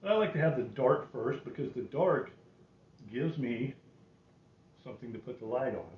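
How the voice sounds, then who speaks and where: Working in a small, curtained indoor space, a painting demonstrator in his sixties talks to himself with folksy, self-deprecating humor during a relaxed tutorial. He speaks at normal speed with lively intonation and a medium pitch, and the distant mic gives a roomy, dull recording with faint noise.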